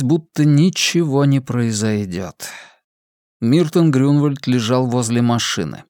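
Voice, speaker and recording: A man giving a measured, expressive audiobook reading of a science-fiction story. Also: mid-range voice, no room sound, studio quality. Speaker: audiobook narrator. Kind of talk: dramatic audiobook narration.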